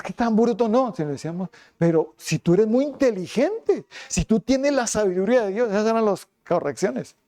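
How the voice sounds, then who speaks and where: High mellow-voiced pastor preaching hard, says amen a lot, acts out little quotes. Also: male voice. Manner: emphatic preaching, repeats "amén" often; voices God and sinners in quoted asides. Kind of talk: sermon.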